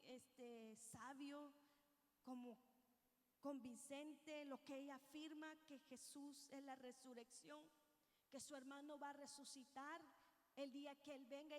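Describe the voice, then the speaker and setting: A woman preacher with a voice that sits high reads scripture and delivers an earnest, reflective sermon to her congregation, addressing them as brothers and sisters. Her words trail off into a long reverb tail.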